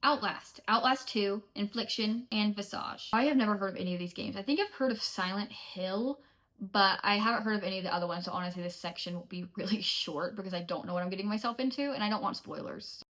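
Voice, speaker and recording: A woman's voice: mid-range voice, fast talker, a bit bright. A young woman talking casually in a vlog, chatty and playful. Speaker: vlogger.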